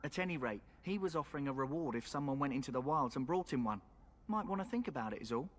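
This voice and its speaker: A man's voice: mid-range voice, expressive, fast talker, natural voice. An actor playing a wry young male soldier companion in a video game, speaking with dry, sardonic asides.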